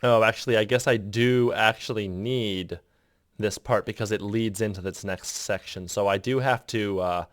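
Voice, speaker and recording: A man's voice: fairly low pitch, steady tone, normal speed, dry recording. A man casually narrating an editing tutorial in voice-over, rambling, interrupting himself and chuckling at his own asides. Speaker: video editor explaining his process.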